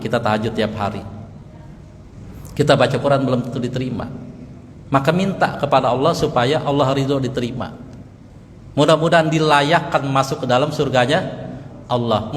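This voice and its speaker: A male preacher giving a lively sermon in a mosque, joking with the congregation and chanting verses in melody. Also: a little high, long reverb tail, slight background noise.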